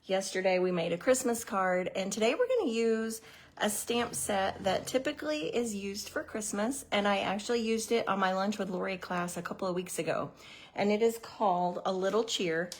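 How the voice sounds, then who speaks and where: A woman's voice: medium pitch, normal speed. A middle-aged woman from Missouri hosting a card-making livestream, chatty and rambling with many ums, a little out of breath. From Missouri, USA. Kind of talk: casual livestream chat.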